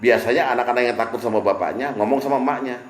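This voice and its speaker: A man's voice: medium pitch, racing, a little hiss or hum. A man leading an informal religious study session. He jokes and keeps asking his audience questions. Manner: jokey, asks the audience questions. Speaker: preacher. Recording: echoey room.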